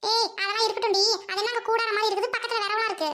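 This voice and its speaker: A woman playing a brash, defiant young daughter-in-law who scolds and boasts loudly in a comic serial spoof, recorded with background noise. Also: very high voice, little pitch movement, racing.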